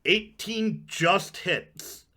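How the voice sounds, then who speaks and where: A man's voice: high-pitched, drawn-out words, bright, forceful tone. A man running a tabletop game as game master, counting out distances and giving rulings aloud.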